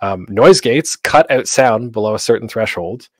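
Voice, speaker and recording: A man hosting a convention panel as an online presentation, explaining with frequent um fillers and sometimes speaking in a deliberately staccato way into a gated desk microphone. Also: fairly low pitch, lively intonation, no room sound, studio quality. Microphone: desk microphone with a noise gate.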